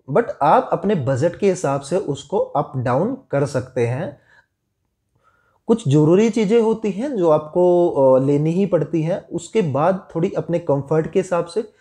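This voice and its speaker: A man in his thirties explaining restaurant equipment to camera in a steady, instructive way, on a lapel mic in a small indoor room. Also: fairly high pitch. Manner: steady, instructive, listing items.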